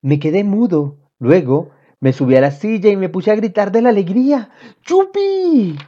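A woman reading a children's book aloud in an expressive storytelling manner. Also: on the low side, a little fast. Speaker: reader. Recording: dull lo-fi audio.

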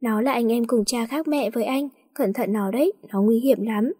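Brief: a wary, scornful brother in a storybook, soft and breathy, as a woman narrator puts him on. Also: normal speed. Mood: warning. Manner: low-key warning, scornful. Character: warning older half-brother, scornful.

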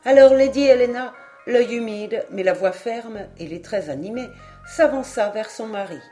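Brief: woman audiobook narrator, mellow and dark, faint music behind. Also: fairly high pitch, moderate pace. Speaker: audiobook reader. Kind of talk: literary narration.

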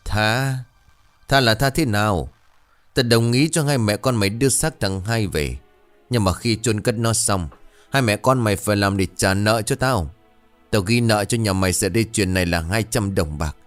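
A man's voice: lowish voice, normal speed, soft background music, close to an everyday voice. A man voicing a cruel, arrogant rich landlord villain, harsh and threatening. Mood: menacing.

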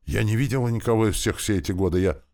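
A defiant noble mother, put on by a man with a very deep voice, pleads and cries out in a strained, raised pitch. Her lines swing from begging to open defiance. An audiobook character voice. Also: lively intonation, moderate pace. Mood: pleading. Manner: pleading, rising to shrill defiance. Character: desperate aging noblewoman, a prince's mother, defiant.

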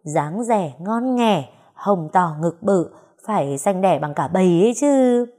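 A gruff, deep-voiced older village matron, stout and fierce, who barks orders and will not take no for an answer, as a woman storyteller puts her on. Her voice sits low and pushes out loud and forceful. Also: animated, takes it slowly. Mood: domineering.

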